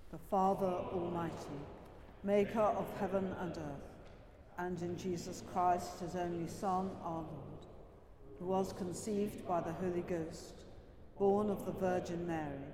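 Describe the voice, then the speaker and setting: A worshipper reciting the creed in a measured, chant-like way during a service in a large stone church, with a cathedral echo. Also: mid-range voice, fairly even intonation, a crowd in the background. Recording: long cathedral reverb with music behind.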